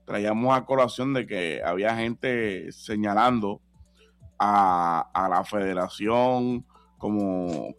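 A man's voice: fairly low pitch, fairly bright tone, clean tone, no echo. A man, co-hosting a casual sports radio show. He steers the talk with prompting questions and repeats himself for emphasis. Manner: conversational, repetitive, prompting.

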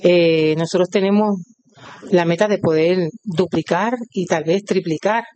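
A woman's voice: fairly low pitch, a little slow, a little mellow, no room sound. A woman with a Puerto Rican accent, a cooperative leader being interviewed, proudly listing things in rhythmic runs. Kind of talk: on-site interview.

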